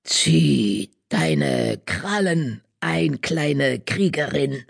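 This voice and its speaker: A man puts on an ancient she-badger seer from a storybook, calm and unhurried. She drags out her words in a gravelly drawl, with jumbled word order. The sound is dry and close. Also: a little high, dry recording, full character voice. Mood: stern. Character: wise old female badger seer.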